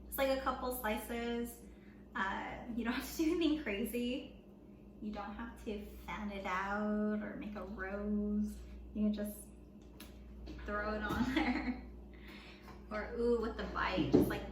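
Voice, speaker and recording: Young woman, cooking vlogger, excitable and chatty, echoey kitchen. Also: mid-range voice. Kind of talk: casual cook-along chat. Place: home kitchen. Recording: echoey kitchen with background noise.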